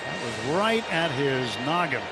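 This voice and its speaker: A little slow and on the high side, this man's voice swings widely in pitch, with loud music behind it. He's doing live radio play-by-play of a baseball game from the booth, full of colorful, folksy lines, amid a roaring ballpark crowd and noise.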